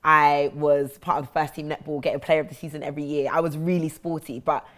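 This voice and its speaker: Low-voiced South London woman. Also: flat delivery, quick pace, fairly bright tone. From South London, England. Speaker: interview guest. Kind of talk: personal storytelling in an interview.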